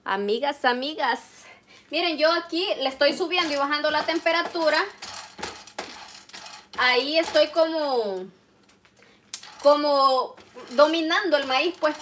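Salvadoran woman, high voice, chatty home cook, pot clatter behind. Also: a little slow, slight background noise. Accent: Salvadoran Spanish. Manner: homely, talkative, addresses viewers warmly as "usted". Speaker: cooking vlogger. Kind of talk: chatty live cooking stream. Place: home kitchen. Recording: clatter of pots and utensils.

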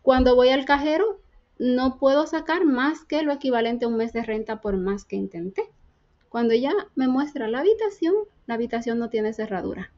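A woman's voice: on the high side, expressive, moderate pace, a little mellow, lo-fi sound. A woman from the Dominican Republic with a Dominican Spanish accent, earnestly telling her faith testimony as a guest and acting out the dialogue she recounts.

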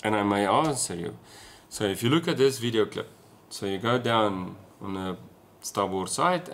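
A man's voice: medium pitch, slight background noise. Man with an Afrikaans South African accent. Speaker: sailing vlogger. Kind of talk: casual explanatory chat to camera. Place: small room at home, indoors.

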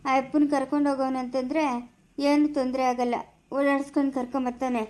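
A woman's voice: sits high, little pitch movement, fast talker, a little mellow, natural voice. A woman playing an older village woman who frets tearfully and then soothes, speaking in a village family drama. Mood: soothing. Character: older village woman, elder sister, calming yet fretful.

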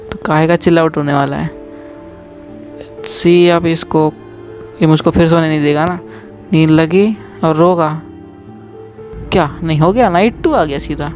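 Young male gaming streamer, slightly high voice, joking commentary over faint game music. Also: a little mellow. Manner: joking, mocking the game, talking to viewers. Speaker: gaming youtuber. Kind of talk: live horror game commentary.

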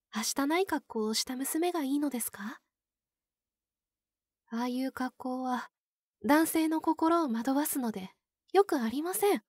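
Very high-voiced, soft yandere nun, ASMR role-play. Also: female voice, no room sound, clean studio sound. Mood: softly jealous. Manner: polite, soft, demure, lingering pauses. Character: pure young yandere nun, sweetly possessive and obsessive.

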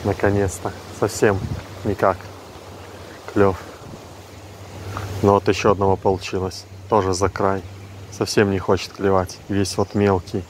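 A man giving casual, low-key fishing commentary in short, terse remarks, recorded outdoors with wind on the mic. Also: little pitch movement, measured pace, long pauses, poor audio. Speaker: angler filming himself. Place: outdoors on a windy lake shore. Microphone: action camera worn on the body. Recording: outdoor wind and ambient noise.

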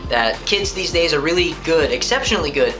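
A man's voice: fairly high pitch, lively intonation, brisk, over music. Chatty young man rambling in a home vlog. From New Hampshire. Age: young adult. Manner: rambling, chatty, talks with his hands. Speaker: vlogger answering viewer questions. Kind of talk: casual vlog chat. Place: living room at home, indoors.

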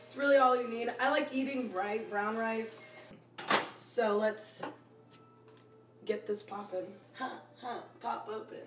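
This woman in her twenties is hosting a relaxed cooking vlog in her small kitchen while losing her voice, which sits on the high side and comes out slow and steady. She's playful and slangy, throwing silly rhymes onto word endings. Her phone camera starts close, then a few steps away, leaving her far from the mic in a reverberant space full of heavy background noise.

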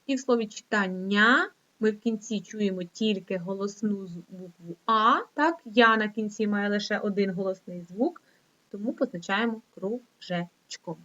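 A middle-aged woman teaching an online lesson to young children, reading slowly and in a sing-song way. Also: a bit bright. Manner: slow, sing-song reading with rising pitch. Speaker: primary school teacher. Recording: dull lo-fi recording.

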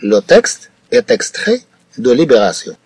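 A man's voice: medium pitch, sing-song, fast, vocal fry, a little mellow, breathy edge, no room sound. A man with a Moroccan Arabic accent, teaching a French lesson patiently, repeating points and checking that the student understands. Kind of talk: explanatory tutoring lesson.

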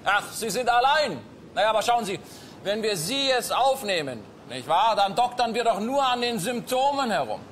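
A man's voice: high voice, sing-song, normal speed, fairly bright tone, slight background noise. Man playing a pompous cruise passenger. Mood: smug. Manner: pompous, lecturing, keeps adding tag questions. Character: smug, condescending male cruise passenger. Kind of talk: stage comedy sketch.

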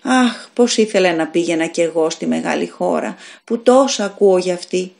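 A woman's voice: fairly low pitch, lively intonation, gravelly, a little mellow. A woman reading a fairy tale aloud, voicing an innocent, curious little village girl who asks eager, wondering questions.

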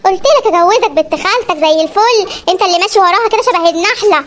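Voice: very high-pitched, rapid-fire, fairly bright tone. A performer voicing a meddling middle-aged mother of the groom in a comedy cartoon, scolding and gossipy in Egyptian Arabic.

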